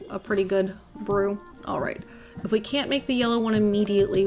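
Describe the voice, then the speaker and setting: A woman's voice: medium pitch, a little mellow. A woman streaming a game, chatting casually and thinking aloud with frequent fillers. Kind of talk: casual gameplay commentary.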